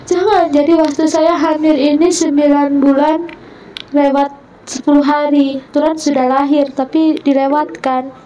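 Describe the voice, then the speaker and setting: A woman's voice: level tone, a little slow, warm tone, recorded from a distance, lo-fi sound, slight background noise. A woman recounting an emotional personal testimony, voicing family members' words as she goes. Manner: quotes family members in her own voice, rising high when moved. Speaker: guest telling her conversion story.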